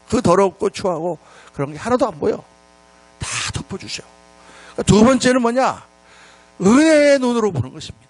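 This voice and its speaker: A middle-aged man preaching a revival sermon in a church, telling stories in an animated, scolding and then humorous way. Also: high voice, no room sound. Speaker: pastor. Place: church sanctuary.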